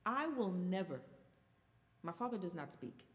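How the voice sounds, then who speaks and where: A woman's voice: fairly low pitch, very animated, measured pace, in a large hall. A woman in her thirties telling a personal story candidly in a casual chat as a guest. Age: 30s. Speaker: guest singer.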